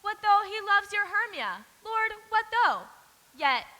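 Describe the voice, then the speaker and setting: A woman's voice: very high voice, big pitch swings, a little slow, pushed and bright, full character voice. A woman playing a lovelorn young noblewoman who pleads in emphatic verse. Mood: hurt. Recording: echoey hall.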